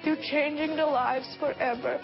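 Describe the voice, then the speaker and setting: Woman, middle-aged, earnest testimony, somewhat high voice, music behind. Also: fairly even intonation, moderate pace, vocal fry. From Bosnia. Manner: earnest, heartfelt storytelling. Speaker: testimony speaker. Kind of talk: personal testimony. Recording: muffled video clip with music behind.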